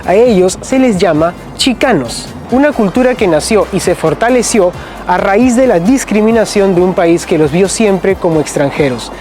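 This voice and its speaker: A man's voice: high voice, normal speed, darkish tone, soft background music. Man narrating a travel vlog. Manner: addresses viewers directly, explanatory. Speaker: travel vlogger host.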